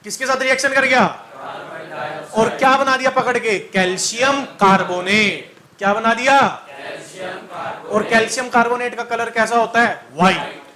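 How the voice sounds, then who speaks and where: A man's voice: extremely high pitch, normal speed, a crowd in the background. A man teaching chemistry to a class, quizzing students in a call-and-response style, joking and singing mnemonics.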